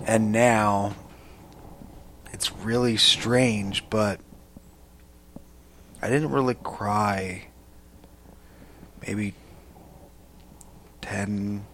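Man, low flat voice, very slow short phrases, faint room noise. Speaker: group member.

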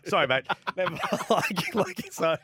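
A man co-hosting a radio show, chatty and quick to laugh. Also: mid-range voice, crowd noise. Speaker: radio co-host. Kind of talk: casual radio banter.

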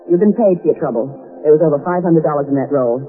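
A woman's voice: low-pitched, expressive, quick pace, breathy edge, faint music behind. An actress playing a mysterious, glamorous young woman in a 1940s radio drama, pleading and dramatic. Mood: cool. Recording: tinny old radio broadcast.

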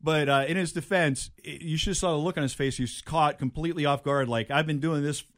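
A man hosting a comedy show, chatting casually and a little haltingly as he introduces clips. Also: on the high side, fairly bright tone, no echo, clean studio sound. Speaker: host of a comedy clip show.

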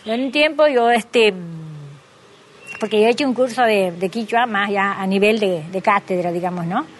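A woman's voice: mid-range voice, moderate pace, a little hiss or hum. A woman from Santiago del Estero with a local Argentine accent, explaining patiently as an interviewee and giving examples, often checking in with "¿has visto?". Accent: Santiago del Estero Argentine Spanish. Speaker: interviewee, Quichua teacher. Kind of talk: explanatory conversation.

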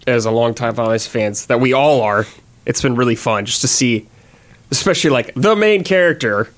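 Podcast host, man with an average pitch, friendly and dryly joking. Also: animated, fairly quick. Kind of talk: casual chat.

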